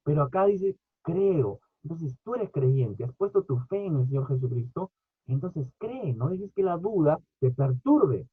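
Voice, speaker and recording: A man preaching a sermon, swinging between loud emphatic bursts and quiet asides. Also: fairly high pitch, animated, measured pace, breathy edge, dry recording. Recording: tinny lo-fi phone-like audio.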